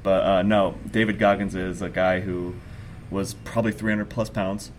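A man's voice: deep voice, moderate pace, crowd noise. A man talking casually as a podcast co-host, telling stories in a loose, profane, rambling way and laughing often. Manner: excitable, rambling storyteller with frequent laughs. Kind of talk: casual chat.

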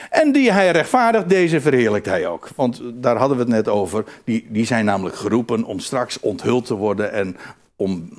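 A man preaching a sermon, emphatic and repetitive, often restarting his phrases. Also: lowish voice. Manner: animated, emphatic, repeats phrases, frequent restarts.

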